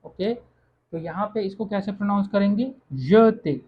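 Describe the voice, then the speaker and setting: A teacher walks through French vowel sounds one at a time and repeats each word several times. The voice is of middle pitch and sits in a dull, lo-fi recording. The pace is patient, and "okay" comes after each point. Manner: slow, repeats words, says "okay" often. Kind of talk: online language lesson.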